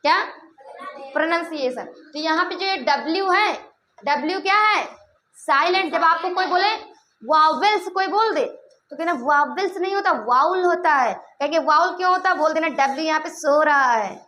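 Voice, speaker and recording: A woman's voice: extremely high pitch, normal speed, bright, forceful tone. A woman teacher giving a classroom lesson, asking pupils questions and echoing their answers back with playful asides. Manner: keeps quizzing pupils, repeating answers back. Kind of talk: classroom lesson with call-and-response.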